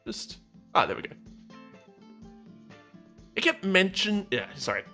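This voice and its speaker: A man's voice: sits high, big pitch swings, measured pace, sharp tone, faint music behind, voice pushed up, exaggerated voice. Man doing a camp, rambling coffee shop owner.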